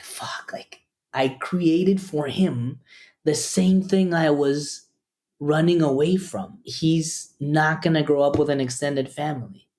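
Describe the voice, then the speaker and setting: A man from Costa Rica, a podcast guest, speaking earnestly and slowing down to weigh his words in a reflective interview. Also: on the high side, darkish tone.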